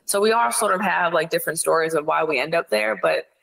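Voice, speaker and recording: A woman from Ohio, a psychiatrist guest, talking in a direct, blunt and animated way in a casual interview. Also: lowish voice, fast talker, creaky, low-quality recording. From Ohio, USA.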